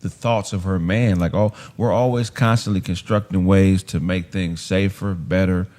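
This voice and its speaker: A man on a casual panel gives his view in a low voice. He speaks in a measured, steady way, laying out strong opinions. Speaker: panel guest.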